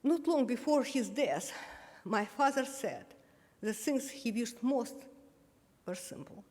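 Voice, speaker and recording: An older woman from Kyiv, Ukraine, whose first language is Russian, reads a personal reflection as a guest speaker at a remembrance ceremony. Her fairly high voice is a little mellow, with lively intonation. She speaks in a measured, solemn way with small slips of the tongue, and the hall around her is reverberant.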